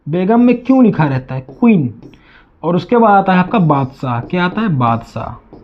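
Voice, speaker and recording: A man's voice: high-pitched, lively intonation, normal speed, lo-fi sound. A man teaching a maths lesson to students, asking questions and answering them himself, with a lot of repetition. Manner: addresses students as children. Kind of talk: classroom lesson.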